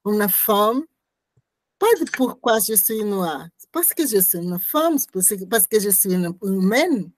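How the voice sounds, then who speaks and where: A woman artist, not a native French speaker, talking about her performance in a halting way, searching for words and restarting often. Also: mid-range voice, lively intonation, no room sound. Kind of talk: conversational interview talk.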